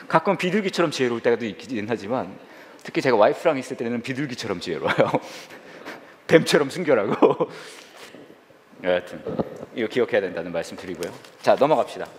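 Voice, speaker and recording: A middle-aged man, a senior pastor, preaching a humorous sermon and acting out little scenes in squealing high voices. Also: animated, normal speed, slight background noise. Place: church sanctuary. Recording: reverberant church hall.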